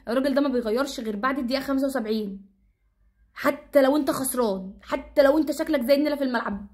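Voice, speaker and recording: Egyptian woman, high-pitched vlogger, rapid exasperated ranting commentary. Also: darkish tone. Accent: Egyptian Arabic.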